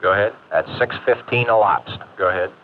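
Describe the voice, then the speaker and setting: A man gives clipped, procedural flight controller calls over a space radio link. His voice sits fairly low and comes through thin and phone-like, with a faint hiss underneath. It sounds like an old mission control audio loop. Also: fairly quick. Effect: space radio transmission.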